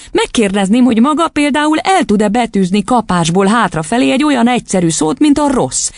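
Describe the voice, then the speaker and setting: A woman voicing an earnest gentle teacher. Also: medium pitch, no echo, clean studio sound, voice pushed up, natural voice. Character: gentle young schoolteacher, indignant. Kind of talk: audiobook reading.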